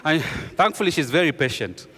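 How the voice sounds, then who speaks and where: A man preaching a sermon as pastor, earnestly repeating key phrases and dropping his voice low for emphasis. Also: lively intonation, fairly quick, fairly bright tone, breathy edge, long reverb tail.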